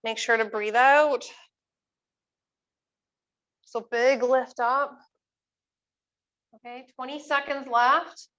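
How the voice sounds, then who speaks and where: A woman with a high-pitched, forceful, bright voice leads exercise as an aerobics instructor. She gives short, encouraging cues and clear step-by-step instructions. The audio is slightly dull and lo-fi. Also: steady tone, slow pace, pauses often. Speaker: fitness instructor leading a workout.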